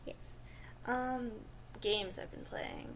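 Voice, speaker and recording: A woman's voice: a little high, steady tone, slow, slight background noise. A young woman co-hosting a podcast, chatting in an upbeat, rambling way with many fillers. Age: young adult. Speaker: podcast co-host. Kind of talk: casual chat.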